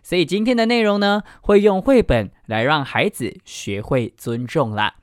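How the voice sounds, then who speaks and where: A man hosting a children's literature show and reading a picture book aloud in a lively, expressive way. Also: fairly high pitch, moderate pace, dry recording, clean studio sound. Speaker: podcast host and storyteller. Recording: music bed under voice. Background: background music.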